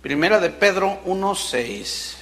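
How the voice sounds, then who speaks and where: Man preaching a sermon, high bright voice, stretches words out then gets loud, big echoey hall. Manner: emphatic, with dramatic pauses and sudden loud acted quotes. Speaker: pastor.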